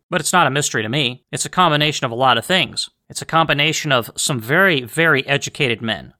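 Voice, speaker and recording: Forceful, earnest American male podcaster. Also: medium pitch, no room sound, clean studio sound. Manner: earnest, emphatic, repeats phrases for stress. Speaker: history podcast host. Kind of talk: unscripted opinionated solo podcast commentary.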